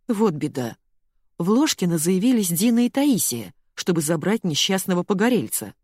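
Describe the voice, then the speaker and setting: A woman narrating a first-person comic novel as an audiobook, in a wry and expressive manner. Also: on the low side, slightly rough, no echo, clean studio sound.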